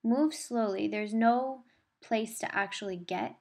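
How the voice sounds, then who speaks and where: A woman's voice: a little high, unhurried, a little mellow. A woman teaching a yoga class, giving guided instructions in a soothing, encouraging manner.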